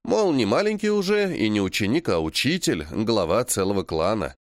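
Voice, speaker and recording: A man reading a first-person fantasy audiobook in a measured, matter-of-fact way. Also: fairly low pitch, big pitch swings, no room sound, clean studio sound. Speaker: audiobook narrator.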